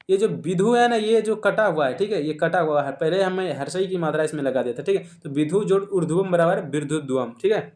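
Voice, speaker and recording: High-voiced Hindi teacher in an echoey room. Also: male voice, a little mellow. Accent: Bihari Hindi. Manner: explains step by step, repeating each example. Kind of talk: online grammar lesson.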